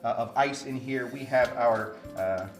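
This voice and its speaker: A man's voice: mid-range voice, unhurried. Man mixing drinks, music behind. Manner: relaxed, explanatory, many "uh" fillers. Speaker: cocktail show co-host and bartender. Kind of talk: casual chat while mixing drinks.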